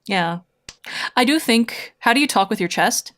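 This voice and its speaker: A VTuber plays online mahjong on a livestream, answering her chat and thinking aloud in casual, rambling slang. Her voice is fairly high and fairly bright, expressive, at a moderate pace.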